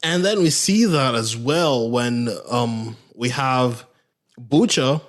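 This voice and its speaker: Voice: medium pitch, slow pace. A podcast co-host chatting casually about a TV series, with a laid-back manner, frequent laughs and short agreeing replies. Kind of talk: casual TV review chat.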